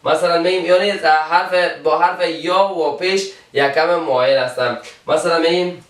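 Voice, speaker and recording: Male teacher with an Afghan Dari accent, slightly high, patient and repetitive, mic set back in an echoey room. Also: steady tone. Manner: slow, repeats each example word. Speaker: English teacher. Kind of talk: alphabet pronunciation lesson. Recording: roomy, from a distance.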